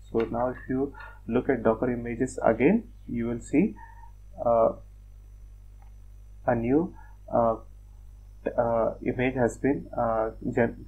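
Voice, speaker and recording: A man presenting a screen-recorded software tutorial, talking step by step in a plain, methodical way with frequent fillers like "uh" and "like". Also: mid-range voice, takes it slowly, phone-quality sound, slight background noise. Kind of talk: screen-recorded technical walkthrough.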